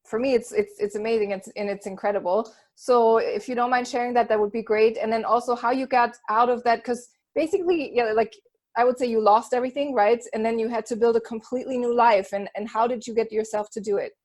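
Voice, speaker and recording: A woman hosts a relaxed interview, asking questions and chiming in with agreement. Her voice sits a little high. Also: brisk. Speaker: host. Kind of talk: casual interview.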